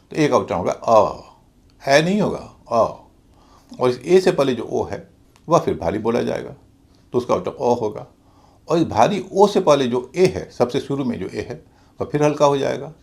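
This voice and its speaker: A male teacher, his voice gravelly with fry. He moves between high and low pitch in a lively way. He spells out letters one by one, slowly and with care. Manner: slow, deliberate spelling out of letters and syllables. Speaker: English pronunciation teacher. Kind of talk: scripted lesson.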